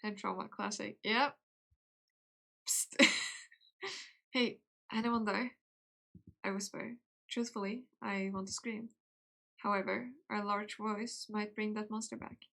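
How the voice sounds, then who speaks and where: A young woman at an ordinary, mid-range pitch reads a game's story aloud on a live stream. Her reading is slow and hushed. She keeps stopping for giggly, offhand chatter. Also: fairly even intonation, vocal fry. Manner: slow, soft reading broken by giggly casual asides.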